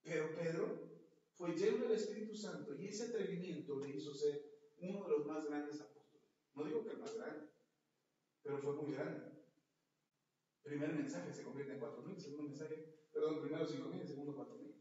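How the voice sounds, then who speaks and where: A man with a Mexican accent preaching a sermon as pastor, a lively storyteller who jokes and acts out the scenes he reads. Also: fairly high pitch, moderate pace. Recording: very echoey, dull lo-fi podcast audio.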